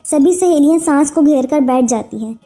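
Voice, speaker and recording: Woman storyteller, high, mellow, plain delivery. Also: moderate pace, faint music behind. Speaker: narrator. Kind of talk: scripted story narration.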